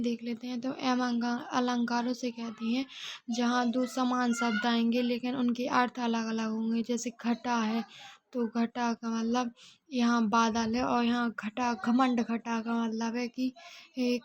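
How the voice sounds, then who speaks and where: A woman's voice: fairly high pitch, monotone, a little slow, muffled recording, a little hiss or hum. A woman teaching a Hindi grammar revision lesson, explaining by asking and answering her own questions.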